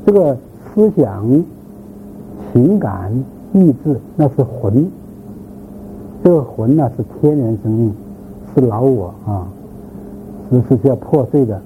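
A man's voice: medium pitch, animated, measured pace, long pauses. Man lecturing over a tinny line. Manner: rambling, repeats words, frequent filler particles, asks listeners questions. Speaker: lecturer on church history. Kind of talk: informal lecture to a class. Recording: tinny phone-like sound, faint background noise.

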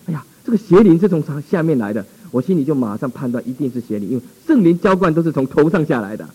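A male pastor recounts a testimony in a sermon, telling it with dramatic exclamations. His voice is husky and a little high for a man. He speaks at a rapid pace. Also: very animated, dark tone, poor audio.

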